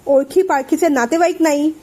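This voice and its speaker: A woman voicing a calm older man who patiently explains and soothes his friend. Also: high-pitched, moderate pace, lightly acted. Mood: calm, persuasive. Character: calm older male friend and family elder.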